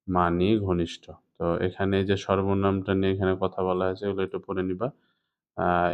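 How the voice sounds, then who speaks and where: Deep-voiced Bangladeshi Bengali teacher, dull recording. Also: male voice, smooth. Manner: explains step by step, often asks "ঠিক আছে?". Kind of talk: exam suggestion lesson for students. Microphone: writing while talking. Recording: slightly dull lo-fi sound.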